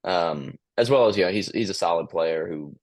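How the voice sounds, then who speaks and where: A man with a very low, monotone voice co-hosts a casual sports podcast. He hesitates often and restarts his sentences, and the sound is close and dry. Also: moderate pace, no room sound. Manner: hesitant, many ums and restarts. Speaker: podcast co-host.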